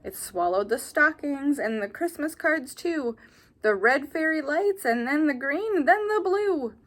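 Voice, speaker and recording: Reading a children's picture book aloud, a woman with a high voice takes a slow, deliberate pace, much like a teacher in front of her class. She is expressive and animated, talking straight to her young listeners with asides and questions.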